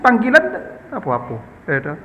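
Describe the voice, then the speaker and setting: A man's voice: sits high, very animated, brisk, a bit bright, in a large hall, lo-fi sound. A man with a Minangkabau accent preaching in a chatty, humorous way, often addressing his listeners as sir and ma'am. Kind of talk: conversational Islamic study talk answering questions.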